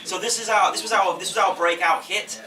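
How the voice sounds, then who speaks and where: At a somewhat fast clip, a man with a high, steady voice delivers an informal presentation as a game publisher, joking and frequently checking on his audience. Recorded from a distance in an echoey indoor event room, there's crowd noise and faint background hiss.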